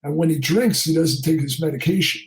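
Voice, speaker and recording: In a podcast interview, a middle-aged male charter fishing captain from New Jersey tells a story, acting out the people in it by quoting them in raised voices. His voice is fairly high-pitched and he speaks fairly quickly.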